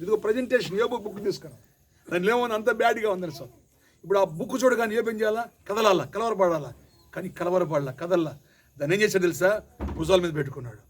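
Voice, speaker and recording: A man preaching a sermon as pastor, repeating his lines and calling on the congregation to answer loudly. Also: sits high. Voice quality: calls for loud amens and repeats. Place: church hall with congregation. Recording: loud congregation noise. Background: congregation responding.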